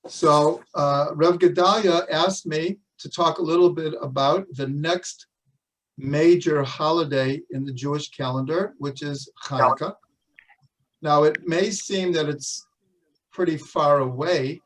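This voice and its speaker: A man, a rabbi, opens his online lecture and welcomes students in a warm, measured way. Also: a little high, recorded from a distance, poor audio.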